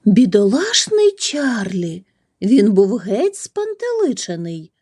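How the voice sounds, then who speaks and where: A woman reading a children's story aloud, gentle and soft, sometimes dropping to a whisper. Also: medium pitch, wildly swooping pitch, slow, husky.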